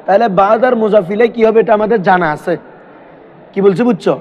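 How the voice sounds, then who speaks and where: Male teacher, high-pitched, drills students with questions in a lesson; muffled low-fi recording. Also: a little fast, a little hiss or hum. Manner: quizzing students with constant questions. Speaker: madrasa teacher. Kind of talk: classroom grammar lesson. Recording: dull lo-fi recording.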